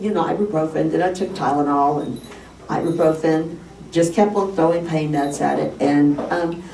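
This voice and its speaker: A woman pastor preaching a sermon as a personal story, animated and acting out the dialogue. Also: on the low side. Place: church sanctuary. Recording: echoey church from far off, faint hiss.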